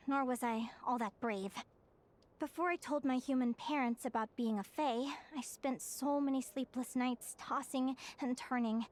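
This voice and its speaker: With a high voice, a woman plays a young fae girl in an English-language anime-style game, sounding vulnerable yet brave and speaking with earnest, halting, emotional sincerity.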